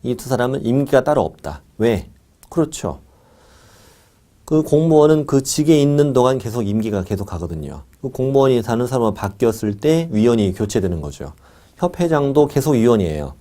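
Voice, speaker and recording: A man's voice: mid-range voice, animated, brisk, dark tone. A middle-aged man teaching an exam prep lecture, repeating key points and asking questions he answers himself.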